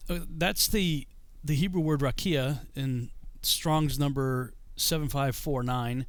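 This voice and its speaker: A middle-aged native English speaker joins a video call from his home study as a guest explaining scripture. He speaks slowly in a mid-range voice, loose and rambling with many fillers and restarts, and there's no room sound.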